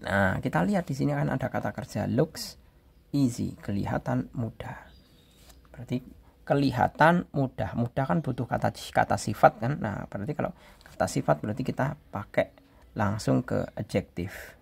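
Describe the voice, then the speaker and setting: A male English teacher from Indonesia, explaining grammar step by step and reading example sentences slowly aloud. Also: medium pitch, lively intonation, vocal fry, husky.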